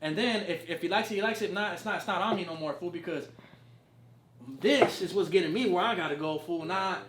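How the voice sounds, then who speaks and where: A man's voice: high voice, fairly quick, a bit bright, echoey room, slight background noise. A man from Southern California, a rapper guesting on an interview, talking casually and passionately in heavy street slang with lots of swearing.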